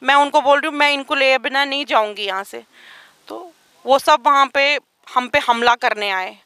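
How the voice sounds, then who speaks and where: A woman's voice: high-pitched, normal speed, pushed and bright, no echo. A woman giving an urgent, aggrieved account as an interviewee, speaking outdoors. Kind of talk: emotional testimony.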